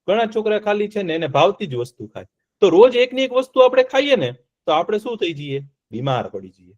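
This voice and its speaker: Male storyteller, high voice, keeps the kids involved with questions. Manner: lively, asks the children questions as he tells. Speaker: storyteller for children. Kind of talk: telling a folk tale to children in an online class.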